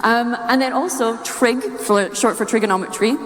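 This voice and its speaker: In a large indoor room, a woman with a Scottish accent and a fairly high-pitched voice talks at a moderate pace to a live audience. Her talk is humorous and nerdy; she's playful and chuckles at her wordplay, while the hall's long reverb echoes around her.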